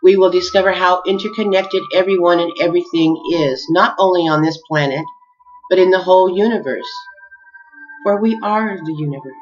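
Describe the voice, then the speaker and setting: A woman giving an earnest, heartfelt spiritual message, measured and addressing her listeners warmly as beloveds. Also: fairly low pitch. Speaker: spiritual speaker. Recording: dull lo-fi recording with faint music.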